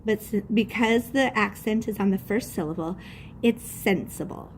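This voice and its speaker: A woman's voice: medium pitch, moderate pace, slight background noise. Patient woman teacher spelling out words. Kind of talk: classroom lesson demonstration.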